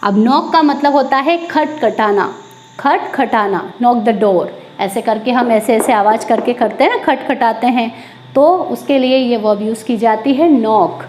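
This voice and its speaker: A woman's voice: fairly high pitch, a little slow, a little mellow, slight background noise. A young woman, teaching an English lesson to viewers, repeating key points and answering her own questions.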